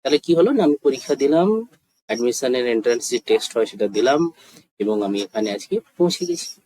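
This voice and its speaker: A man with a Bengali accent teaching spoken English, explaining in Bengali and saying his English model sentences very slowly and deliberately. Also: medium pitch, lively intonation, mellow, no echo, rough recording.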